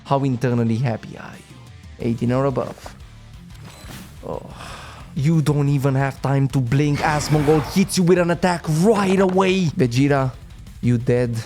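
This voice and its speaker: A man's voice: mid-range voice, measured pace, a little mellow, faint music behind. A man narrating a tabletop game as game master, dramatic and playful.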